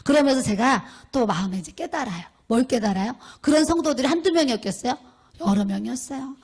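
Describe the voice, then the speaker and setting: A woman's voice: high-pitched, lively intonation, quick pace, darkish tone, breathy edge. A middle-aged woman, a pastor's wife, preaching a sermon as a storyteller who acts out the people she quotes. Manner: storytelling, acts out quoted speech with rising emphasis.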